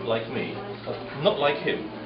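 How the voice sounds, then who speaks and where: Over loud music in an echoey, muffled room full of crowd noise, a UK government advisor with a British accent gives a rambling, self-mocking, casual introduction of himself to a group. He has a mid-range voice, very animated and a little slow.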